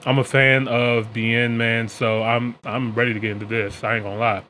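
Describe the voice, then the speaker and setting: A man's voice: mid-range voice, little pitch movement, a little fast, sharp tone. An American man hosting a podcast, chatting casually in a colloquial, slangy way. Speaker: podcast and reaction video host. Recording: clear background noise.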